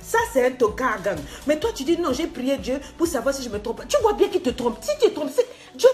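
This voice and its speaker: A woman's voice: high voice, very animated, fairly quick, faint music behind. A woman life coach giving a motivational talk, scolding and mocking her listener with laughs, slipping in English phrases.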